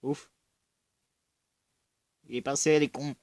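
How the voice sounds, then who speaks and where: A man with a southern French accent giving casual, excitable gaming commentary, often breaking into loud exclamations and swearing. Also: medium pitch, slow, no room sound. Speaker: gamer.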